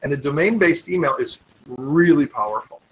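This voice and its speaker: A man hosting a live web tutorial, talking fast and eagerly in an informal sales manner while demonstrating software. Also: a little high, animated, rough recording. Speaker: webinar host.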